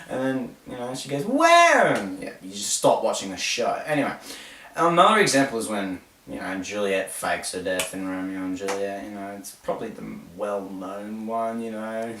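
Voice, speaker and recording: A man's voice: lowish voice, fairly bright tone, a little hiss or hum. A man hosting a jokey explainer, talking in a playful, rambling, self-mocking way. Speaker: host. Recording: roomy echo, distant mic.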